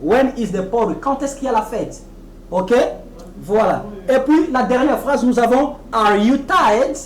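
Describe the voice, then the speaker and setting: A woman giving a televised English lesson, explaining patiently and repeating each English phrase slowly and deliberately. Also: a little high, lively intonation, echoey room, rough recording. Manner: explains patiently, often checking with "ok?". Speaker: English teacher.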